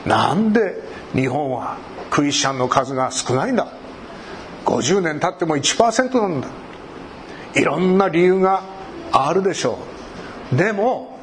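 A man's voice: on the high side, a little hiss or hum. A man preaching a sermon. He talks animatedly, cracks jokes and acts out short everyday conversations. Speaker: pastor.

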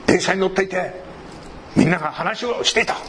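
A male pastor with a high-sitting, slightly bright voice delivers a sermon at a fairly quick pace. He's lively, joking and role-playing brief everyday exchanges, and the audio carries a little hiss or hum.

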